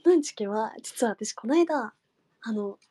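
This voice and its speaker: A young woman chatting casually with fans on a livestream, giggling and dropping into soft murmurs and whispers. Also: fairly high pitch, animated, a little slow, dry recording, studio quality. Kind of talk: casual chat.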